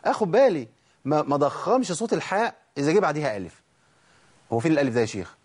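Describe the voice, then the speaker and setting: A man's voice: fairly high pitch, sing-song, rapid-fire, a little mellow, husky. An Egyptian man teaching Quran recitation, drilling letter sounds aloud and asking and answering his own questions. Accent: Egyptian Arabic. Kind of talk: tajweed lesson.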